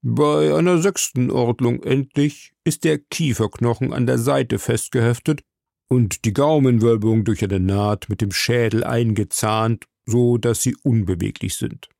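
A man narrating an audiobook in a measured storytelling manner. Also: mid-range voice, vocal fry, darkish tone, no room sound, studio quality. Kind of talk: scripted narration.

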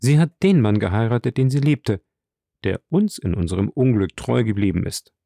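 A man's voice: medium pitch, lively intonation, moderate pace, gravelly, warm tone, dry recording, studio quality. A man reading the part of a sincere, earnest young officer in a plain way in an audiobook.

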